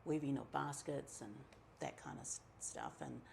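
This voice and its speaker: With a New Zealand accent and a low, gravelly voice, a middle-aged woman from the community tells a personal story at a moderate pace. Her relaxed, chatty telling is full of ums and quoted asides, over a faint hiss of noise.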